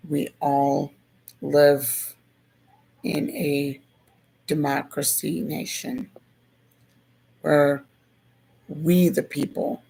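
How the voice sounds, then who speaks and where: With a gravelly, rough voice worn hoarse and fading, a presenter works through a civics subject without hurrying. The delivery is flat and steady, casually and thoughtfully revisiting each point, at a medium pitch on a rough recording.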